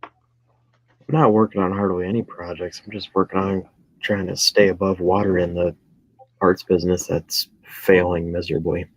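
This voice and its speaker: A husky-voiced man in his early twenties chatting casually, rambling and correcting himself. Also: low-pitched, flat delivery, normal speed, no room sound. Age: 20s. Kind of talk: casual chat. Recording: dry, dull lo-fi sound.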